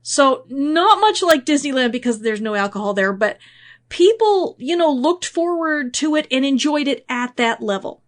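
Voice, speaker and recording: A woman's voice: high voice, lively intonation, moderate pace, few pauses. A woman hosting a podcast, her sinuses congested. She teaches Bible background in a chatty, self-deprecating way, with asides and fillers, and reads scripture aloud. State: congested, sniffling from draining sinuses. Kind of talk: casual spoken teaching, reading scripture aloud.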